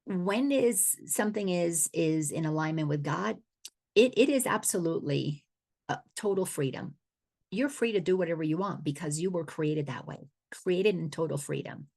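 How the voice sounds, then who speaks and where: A middle-aged woman from the Dominican Republic teaches as a spiritual coach in an earnest, unscripted way. Her voice sits low and carries a gravelly fry. She often repeats a word as she restarts a thought. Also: expressive, normal speed, darkish tone. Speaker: awareness coach.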